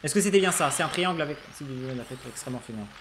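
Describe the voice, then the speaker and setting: A man giving casual let's-play commentary, swearing freely and swinging between low mutters and sudden excited shouts. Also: very fast, heavy background noise. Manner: swears casually, jokey asides. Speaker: gaming streamer.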